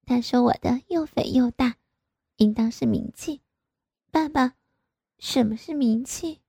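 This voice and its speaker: A woman's voice: a little high, unhurried, creaky, warm tone, breathy edge, no room sound, studio quality, heavily acted. A woman voicing a coy, pouty young married woman in an audio story, speaking in a raised, wheedling voice.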